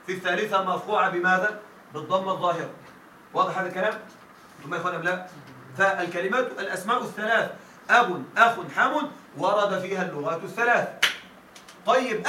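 A man with a high, bright and forceful voice teaches a grammar class. He keeps asking his students if they follow him and stretches out the lines he quotes. He sounds set back from the mic in an echoey room with a faint hiss. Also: far from the mic. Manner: repeatedly checks students follow, quotes verses with stretched slow emphasis. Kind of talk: classroom lesson.

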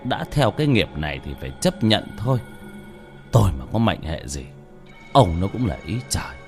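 A stern, resigned old exorcist speaks in a low, grave, matter-of-fact voice, as the male narrator plays him. His pitch still moves a lot. Faint music sits under the tale. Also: sing-song, moderate pace.

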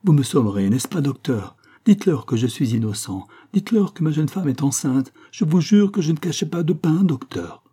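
A man's voice: mid-range voice, fairly quick, dark tone, husky, lightly acted. A man voicing a desperate male baker who begs to be saved. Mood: pleading. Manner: frantic, pleading. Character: desperate male baker begging for his life.

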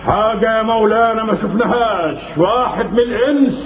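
Excitable egyptian jinn henchman, high pitched, officious, old radio play, muffled and echoey. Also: a little fast, a little hiss or hum. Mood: deferential, alarmed. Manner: officious, exclamatory, accusing. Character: officious, excitable male jinn guard, servile to his king. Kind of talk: theatrical Arabic radio fantasy drama.

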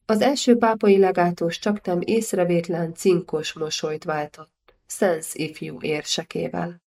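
A woman narrating a historical novel audiobook in a steady, measured reading. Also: fairly low pitch.

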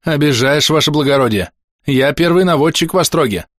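A brash young gunner in the thick of a fight, his voice as a man reads him jumping high and bright with boastful excitement. He shouts his lines eagerly and cockily, as a storybook hero's gun mate. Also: a little fast, no room sound, studio quality, natural voice. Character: excitable male soldier gunner, boastful and loud.

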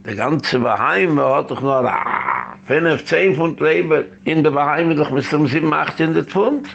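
Man, rabbi, rambling lecture, gravelly voice, muffled lo-fi sound. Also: fairly high pitch, animated, unhurried, a bit bright, a little hiss or hum. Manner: rambling storytelling mixed with English phrases. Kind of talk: community lecture. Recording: dull lo-fi recording.

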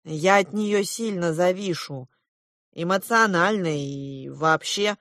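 A woman's voice: fairly low pitch, slow, a bit bright, dry recording, clean studio sound. A woman reading an audiobook, voicing a hesitant, evasive grown man, a father. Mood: mild.

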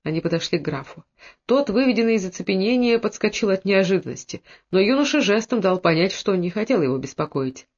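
A man reading a historical novel aloud in steady storytelling narration, dropping his voice lower for the characters' lines. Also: fairly quick, lo-fi sound. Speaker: audiobook narrator. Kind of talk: scripted narration.

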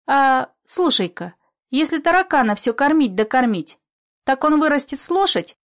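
A woman's voice: sits high, sing-song, moderate pace, voice pushed up. A woman voicing a dreamy, curious little bedridden boy who asks eager childish questions.

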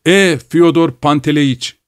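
A man voicing a smug male devil in blue glasses who slowly demands his due, in a storybook reading. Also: fairly high pitch, smooth, no room sound, studio quality, pitched above the performer's own voice. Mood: mocking. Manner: slow, mocking, demanding.

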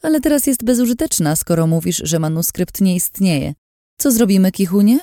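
A woman's voice: mid-range voice, expressive, moderate pace, warm tone, dry recording, clean studio sound, voice pushed up, close to an everyday voice. A woman voicing a cruel, scheming woman who taunts her captives in a sweetly menacing, sing-song way. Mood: mocking.

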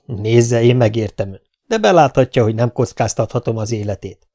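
A man's voice: mid-range voice, lively intonation, warm tone. A man reading an audiobook, voicing a genial, self-assured male border captain who can turn firm. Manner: affable, then firm and curt.

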